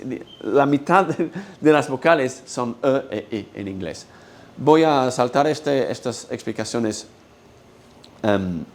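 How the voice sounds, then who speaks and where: Man, Spanish, lecture delivery, mid-pitched voice, keeps checking listeners follow. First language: English. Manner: explains patiently, checks in with "¿no?" and "¿ok?". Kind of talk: university-style lecture. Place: lecture hall.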